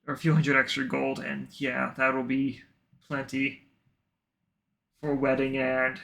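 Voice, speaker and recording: A man voicing a weary male elk barbarian warrior, speaking slowly in a tired, resigned way during a tabletop game. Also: medium pitch, completely flat delivery, vocal fry. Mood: calm. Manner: tired, measured, quietly resigned. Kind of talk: tabletop role-play.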